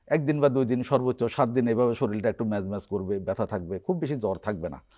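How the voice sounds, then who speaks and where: A man's voice: fairly low pitch, fast talker, dark tone. A man, a guest doctor, explaining symptoms and remedies step by step on a TV health program in a studio.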